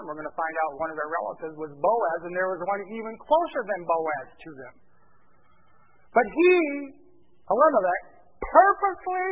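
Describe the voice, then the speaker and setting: A man preaching in a high-pitched voice. He keeps asking the congregation questions and then answers them himself. The recording is thin and narrow, as if heard over a phone line. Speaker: pastor. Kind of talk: sermon. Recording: tinny phone-like church recording.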